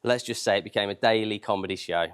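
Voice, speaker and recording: Man, lowish pitch, smooth clear tone, informal humorous wedding speech. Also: quick pace, a bit bright. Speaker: wedding speaker. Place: wedding reception, live before guests.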